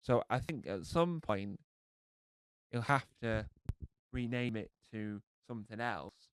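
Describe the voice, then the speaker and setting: A man's voice: lowish voice, animated, slow pace, slight background noise. A man chatting casually on a live stream, rambling and joking, breaking off his own sentences. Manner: chatty, self-interrupting, jokey.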